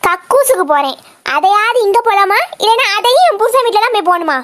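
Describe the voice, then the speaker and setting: Performer doing whiny teen girl, very high voice, cartoon. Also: lively intonation, fast, a bit bright. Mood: wheedling. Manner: whiny, wheedling. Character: teen girl pleading with her mother.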